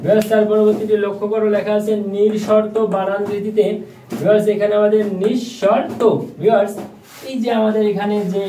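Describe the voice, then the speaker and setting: A man teaches a grammar lesson in a high, mellow voice, calling out to his viewers again and again and spelling each word slowly. He sounds set back from the mic in an echoey room with faint noise behind him. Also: recorded from a distance. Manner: addresses viewers constantly, spells words slowly.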